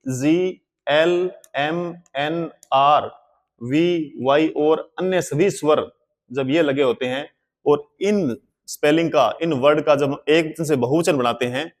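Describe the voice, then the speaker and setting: A male teacher giving a classroom-style language lesson, spelling words letter by letter and explaining slowly and deliberately. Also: on the high side.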